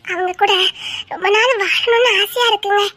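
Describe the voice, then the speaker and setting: A woman's voice: very high-pitched, normal speed, dry recording. A woman playing a tearful village girl with a Tirunelveli accent. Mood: tender. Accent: Tirunelveli Tamil. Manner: soft, tearful, giggling through tears. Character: shy young village woman in love, tender and tearful. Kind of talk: acted romantic drama.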